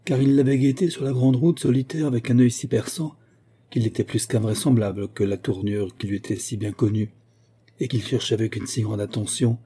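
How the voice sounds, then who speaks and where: Male audiobook narrator, measured delivery, husky timbre. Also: medium pitch, steady tone, dark tone. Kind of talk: scripted narration.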